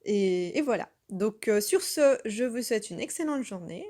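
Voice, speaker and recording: Woman from France, unscripted monologue, hesitant and reflective, medium pitch. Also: lively intonation, dark tone. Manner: hesitant, many pauses and self-corrections; earnest and reflective. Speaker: channel host.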